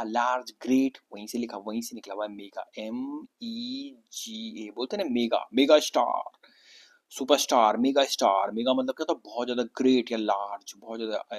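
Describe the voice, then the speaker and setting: Young man from Uttarakhand, vocabulary lesson teacher, mid-pitched, repetitive question-and-answer explaining. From Uttarakhand, India. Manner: explanatory, repeats words and asks rhetorical questions.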